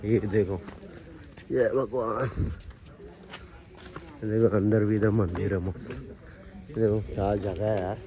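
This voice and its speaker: On a family outing to temples and outdoor spots, a man hosts a casual family vlog, chatting with his viewers and repeatedly calling them "guys." His voice is lowish and steady, slow with long pauses, against a noisy background.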